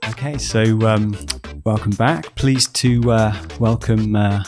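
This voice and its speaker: A man's voice: on the low side, steady tone, slow, loud music behind the voice. A man hosting a casual podcast chat, hesitant with many fillers. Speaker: podcast host.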